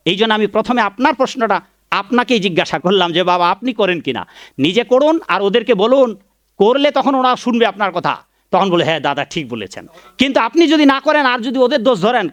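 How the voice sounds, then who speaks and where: Delivering a devotional Bhagavat discourse, a Vaishnava preacher chants mantras, preaches with emphasis, speaks warmly to his listeners and rebukes his critics. His voice is extremely high and fairly bright, with no room sound.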